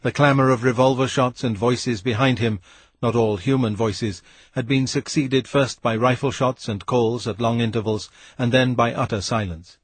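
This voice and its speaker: A man reading a novel aloud as an audiobook narrator, in a measured, steady way. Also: mid-range voice, husky, no echo. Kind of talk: scripted narration.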